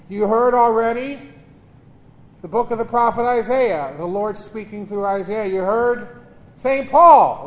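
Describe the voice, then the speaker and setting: A man speaking as a priest at Mass with emphatic, deliberate delivery, his voice echoing in a large church. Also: very high voice. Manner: emphatic, deliberate pauses and repetition. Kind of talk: gospel reading and homily. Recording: cathedral-like echo, long church reverb.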